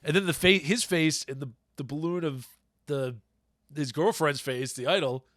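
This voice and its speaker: A man's voice: a little high, normal speed, fairly bright tone, no echo, studio quality. A man hosting a podcast in casual chat, rambling and searching for words as he recaps plots. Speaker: podcast host.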